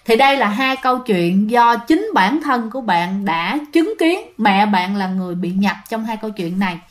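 A woman's voice: mid-range voice, animated, normal speed. A woman telling ghost stories in a casual, chatty way, often addressing her listeners directly. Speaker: ghost story narrator. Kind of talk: casual spoken storytelling.

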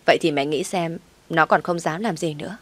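A woman voicing a wronged wife who speaks with cold, firm calm, in a low voice. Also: a little fast, no echo.

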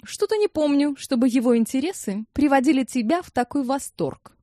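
A woman's voice: high-pitched, lively intonation, a little fast, dark tone, dry recording, clean studio sound, voice pushed up. A woman reading an audiobook, voicing a middle-aged mother who answers back in clipped, indignant tones.

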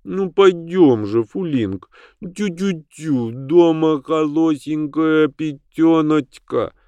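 A man reading an audiobook, voicing a fussy, gushing middle-aged society lady with a shrill, theatrical manner. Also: takes it slowly, dark tone, clean tone, no echo, highs cut off. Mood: cooing. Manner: shrill, theatrical, baby-talks her dog.

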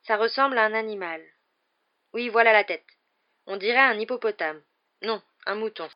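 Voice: medium pitch, normal speed, highs cut off, voice pushed up, natural voice. A reader voicing a cheeky teenage boy student in an audiobook, in a joking, offhand manner.

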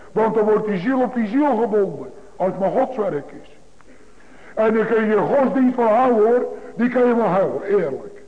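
A man preaches to his congregation in a high, insistent voice, hammering home his points through repetition. The sound is thin and phone-like, and a long reverb trails each phrase through the church. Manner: emphatic, repetitive preaching cadence. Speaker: pastor. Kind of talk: sermon. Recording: tinny phone-like broadcast in a large reverberant church.

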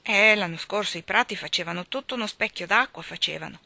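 A woman voicing a rough, boastful country boy who loves rat-catching, talking in a folksy way that repeats his own words. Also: mid-range voice, fast, sharp tone, dry recording.

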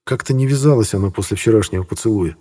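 A male audiobook narrator with a low, husky voice. He reads in a measured, even way. His tone is dark and mellow. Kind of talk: scripted narration.

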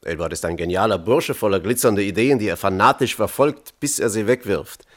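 In a German radio play, a male actor with a lowish voice plays a reflective physicist troubled by his conscience. He testifies as a witness in a measured, candid, lightly acted way.

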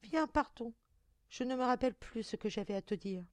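A woman's voice: fairly high pitch, animated, brisk, dry recording, pitched above the performer's own voice, natural voice. A young bride in a storybook, tender and pleading, with a breathless, raised voice, as a woman reader puts her on. The sound is dry and close to the mic. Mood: uneasy.

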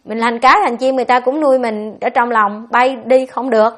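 A Buddhist nun giving a dharma talk, answering questions in a blunt, scolding way. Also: female voice, fairly high pitch, steady tone, fairly bright tone. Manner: blunt, scolding, fast-talking.

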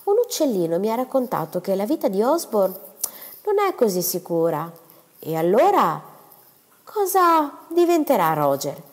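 A woman's voice: mid-range voice, sing-song, normal speed. Woman reading as a sly scheming stepmother. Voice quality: sly, knowing, lightly teasing. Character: coy scheming middle-aged stepmother, wife. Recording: long hall reverb.

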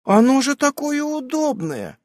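Male reader voicing a cheeky teen girl, very high and bouncy. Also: wildly swooping pitch, measured pace, no echo, studio quality, exaggerated voice. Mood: eager. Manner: cheeky, outspoken. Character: blunt, lively teenage girl.

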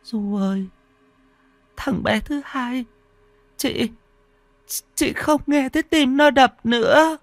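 Man playing a crying, panicked matriarch in a horror tale, voice pushed up high. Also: slow pace, long pauses, no echo, soft background music, heavily acted. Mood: distraught. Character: grieving older village woman, frantic.

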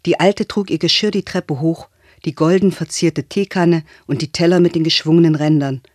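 A man calmly reading a novel aloud as narrator, in a measured way. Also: a little high, no echo, clean studio sound. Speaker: audiobook reader.

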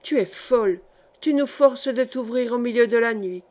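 A woman's voice: on the high side, moderate pace, a little mellow, lightly acted. A woman reading a frightened, irritable old male monk in a storybook. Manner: irritable and fearful.

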